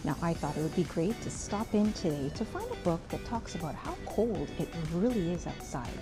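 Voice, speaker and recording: With music behind her, a woman hosting a children's read-aloud narrates a storybook in a fairly low, expressive voice at normal speed, giving descriptive words playful, exaggerated emphasis.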